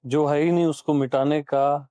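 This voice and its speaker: A man's voice: fairly high pitch, fairly even intonation, moderate pace, mellow, clear, resonant tone, no echo. A man giving a satsang discourse as a spiritual teacher. He questions his listeners, repeats key phrases, and urges them on.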